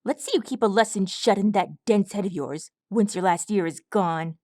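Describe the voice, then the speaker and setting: A woman's voice: mid-range voice, moderate pace, mellow, dry recording, studio quality, lightly acted. A woman voicing a cruel, bearded stallion villain in a storybook reading, with a taunting, sneering delivery. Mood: sneering menace.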